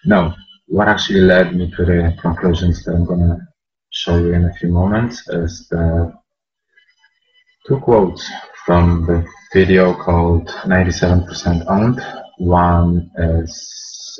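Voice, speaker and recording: A man's voice: deep voice, flat delivery, unhurried, a little mellow. A man with an Eastern European accent explaining things step by step in a casual, conversational narration. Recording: dull lo-fi audio with music.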